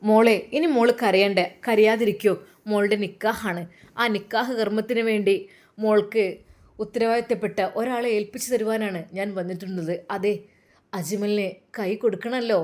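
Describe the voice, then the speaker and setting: A woman's voice: medium pitch, steady tone, normal speed, close to an everyday voice. A woman voicing a kindly, motherly older woman who coaxes and reassures. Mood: coaxing. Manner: warm coaxing, repeats endearments.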